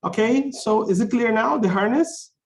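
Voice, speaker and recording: A man's voice: high-pitched, moderate pace. A man teaching a class, explaining things simply, repeating key phrases and checking that learners follow. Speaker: English teacher of a conversation class. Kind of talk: instructional lesson, explaining simply with check questions.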